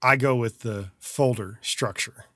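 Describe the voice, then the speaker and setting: A man's voice: medium pitch, a little slow, a bit bright, dry recording. A man co-hosting a podcast about mixing, talking casually with dry, sarcastic asides about being fussy with his files. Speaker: podcast co-host, mixing engineer. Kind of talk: casual chat. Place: studio.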